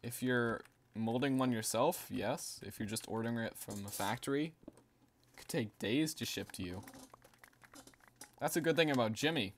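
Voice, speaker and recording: Over a faint hiss or hum, a man with a mid-range voice livestreams a game at a moderate pace. He chats casually and rambles, reads out viewer messages, and laughs now and then.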